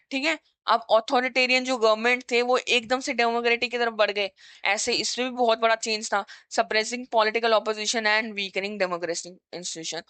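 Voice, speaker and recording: Smooth-voiced woman teaching a revision lesson. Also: medium pitch, a bit bright, no room sound. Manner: explains with everyday examples, frequent fillers. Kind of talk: casual exam-revision lecture.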